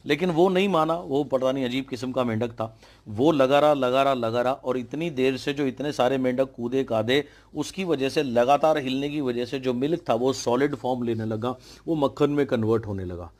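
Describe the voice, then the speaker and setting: A man's voice: medium pitch, a little mellow. A man telling a fable as a motivational speaker, emphatic, mixing English phrases into his talk. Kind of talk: motivational storytelling.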